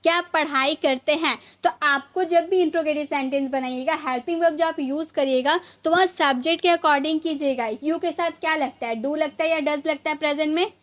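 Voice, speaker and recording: A woman with a Hindi accent teaching spoken English grammar, who explains patiently and repeats each example sentence slowly. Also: sits high, a bit bright.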